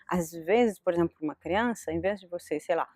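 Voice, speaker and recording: Middle-aged lady chatting advice to camera, animated, very dry close mic. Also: on the low side, fairly quick, no room sound. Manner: lively, animated storytelling with quoted dialogue. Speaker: vlogger. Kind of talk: casual advice vlog.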